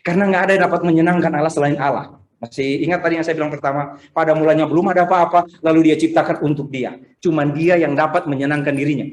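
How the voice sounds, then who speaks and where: A pastor preaches a conversational sermon at a church service streamed over video call, telling anecdotes and acting out other people's lines. His voice is fairly high, fairly even, and quick, and the call audio is roomy and echoey.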